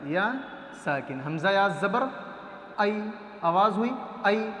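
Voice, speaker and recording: A man teaching a reading lesson at a board, patient, sounding out letters slowly and often checking understanding. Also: high-pitched, a bit bright, a little hiss or hum. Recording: echoey room with long reverb.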